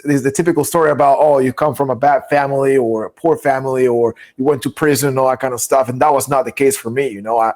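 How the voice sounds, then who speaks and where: A young man from Guatemala, a podcast guest, chatting casually, often laughing and repeating words as he starts sentences. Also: medium pitch. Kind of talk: casual chat.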